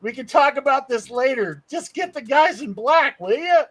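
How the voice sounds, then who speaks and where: A man's voice: very high voice, expressive, normal speed, a bit bright. A man voicing a cocky, impatient young hero in a tabletop game, with brash slangy retorts. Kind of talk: tabletop game role-play.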